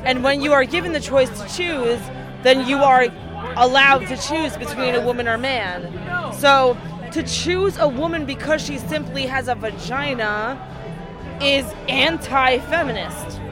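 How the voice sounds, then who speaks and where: Brooklyn woman laying out her argument on the street, high voice, crowd and music behind. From Brooklyn, New York. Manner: argumentative, deliberate. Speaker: voter. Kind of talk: street interview.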